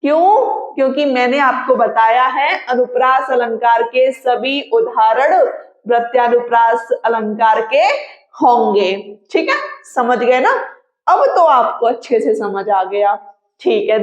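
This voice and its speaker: A woman's voice: sits high, roomy sound. A woman teaching an exam-prep grammar lesson, explaining patiently and checking in often with her students. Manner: drawn-out, patient explaining with frequent check-ins. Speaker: Hindi teacher.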